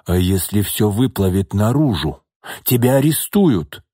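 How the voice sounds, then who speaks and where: A man reading an audiobook, voicing a jealous, cowardly old man who is hoarse and out of breath. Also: fairly low pitch, sing-song, a little slow, dark tone, no room sound, clean studio sound, exaggerated voice. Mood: desperate. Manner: wheezing, despairing.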